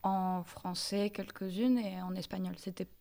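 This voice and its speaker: A woman's voice: mid-range voice, fairly even intonation, measured pace, warm tone. A woman, a singer-songwriter answering interview questions thoughtfully, often searching for her words. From Mexico. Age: 30s.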